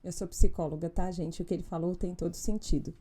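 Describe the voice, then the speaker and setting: A woman hosting a podcast as a pastor and psychologist, who talks lively and speaks straight to her listeners. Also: on the low side, fast talker, slightly rough. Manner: lively, addresses the audience directly. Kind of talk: casual podcast interview. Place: podcast studio in a farm-like setting.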